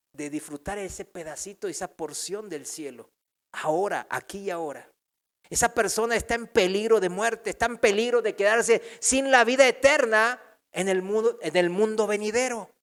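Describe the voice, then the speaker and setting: A male pastor teaching a Bible sermon in a church, emphatic, asking his listeners questions and repeating key phrases. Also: sits high. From not from Mexico. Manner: loudness swings from strong to very soft.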